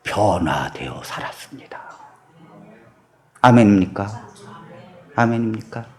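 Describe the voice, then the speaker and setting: A middle-aged man preaching a sermon, telling a folk tale with lively asides to the congregation. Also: on the low side, takes it slowly. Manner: animated storytelling with asides. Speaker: pastor. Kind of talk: sermon storytelling.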